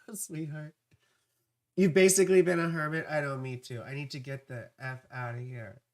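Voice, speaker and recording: Here the astrology stream host keeps a moderate pace and fairly even intonation in her mid-range, dry, fry-heavy voice. The conversation with viewers stays casual, playful and scattered, dotted with affectionate asides.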